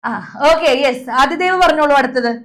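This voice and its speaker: A woman's voice: high-pitched, normal speed. A young woman teacher leading an online class, calling on students by name and drilling letter sounds over a video call.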